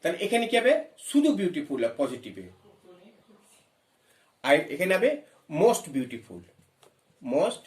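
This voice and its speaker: A man's voice: high-pitched, roomy sound. A man teaching an English grammar lesson, explaining step by step, asking questions and spelling words letter by letter. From West Bengal. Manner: reads English phrases slowly.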